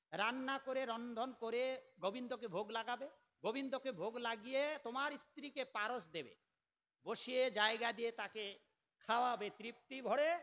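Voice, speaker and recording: A man's voice: very high voice, in a large hall. Argumentative man preaching sermon. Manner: scolding, argumentative, switching between soft asides and sudden loud outbursts.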